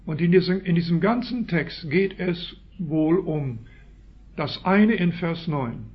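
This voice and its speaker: A man with a Swiss German accent delivers a sermon in a slightly high voice. He punches out key phrases with sudden loud rises, then sinks into quiet asides, captured on a dull, lo-fi recording. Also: expressive, slow. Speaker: preacher.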